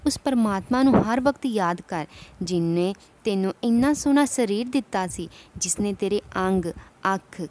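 A woman voicing a calm wise male saint. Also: sits high, normal speed, natural voice. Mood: admonishing. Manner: calm, instructive, preaching.

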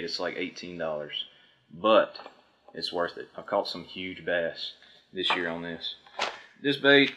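A man in his thirties reviews fishing products to camera, speaking casually and plainly while sitting at an indoor table with a backdrop behind him. His voice is low-pitched, pushed and bright.

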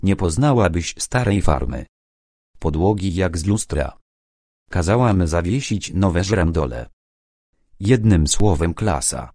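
Audiobook: man voicing a bossy, chatty young woman, brisk and insistent, deep and slow. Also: animated, a little mellow, dry recording, studio quality, exaggerated voice. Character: bossy, lively young woman, a busy friend.

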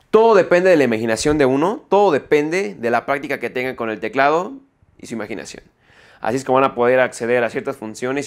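A man reviewing a gaming keyboard in a hands-on tutorial, explaining step by step and often checking in with "ok?" after each point. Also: mid-range voice. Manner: self-correcting mid-sentence. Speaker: tech reviewer.

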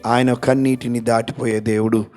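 A man pastor, preaching an impassioned sermon that swings from hushed to shouted. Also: mid-range voice, flat delivery, moderate pace.

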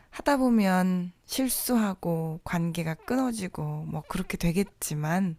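A woman hosting a podcast, speaking a reflective, scripted monologue in a soft-spoken way. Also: lowish voice, no room sound. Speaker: podcast host.

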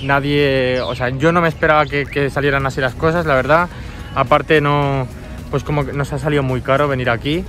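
A young Spanish man in his 20s, a travel vlogger, chats casually to his phone camera held at arm's length outdoors, near an airport by a parking lot. He addresses his viewers as "gente" and "chavales." His mid-range voice is brisk and a bit bright with fairly even intonation, and soft music plays in the background.

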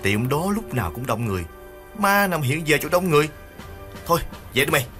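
A man voices a short-tempered thief, snapping and scolding in curt bursts. Soft music runs underneath. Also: fairly high pitch, very animated, fairly quick, pitched above the performer's own voice. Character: irritable older-brother thief, scolding.

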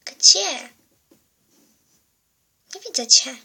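A woman's voice: high-pitched, lively intonation, extremely slow, vocal fry, sharp tone, husky, full character voice. A young female performer voicing a frightened lost female pet in a fan drama, calling out anxiously and pleading for answers.

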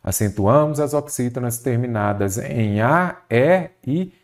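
Male grammar teacher, exam-prep lesson, questions then answers himself, lifts his pitch on key words. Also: expressive, a little slow, a little mellow. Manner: didactic, asks questions and answers them himself. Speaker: Portuguese language teacher.

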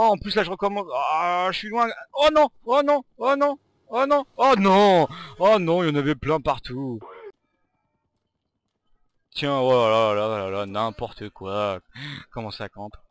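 A man giving live commentary while playing a video game. He rambles, stumbles over his words and breaks into excited outbursts at the game. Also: mid-range voice. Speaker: gamer and channel host.

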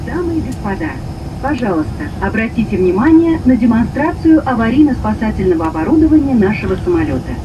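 Through a dull cabin PA with loud aircraft noise, a woman reads a flight safety demo. Her delivery is formal and instructional, with a melodic, lively range at a medium pitch. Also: fast. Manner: formal, instructional, clearly phrased. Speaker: airline safety announcer.

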